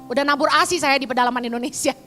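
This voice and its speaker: A woman preaching a sermon with personal testimony, telling her story in an animated, dramatic way with sudden high bursts. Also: very fast, big-room sound, faint music behind.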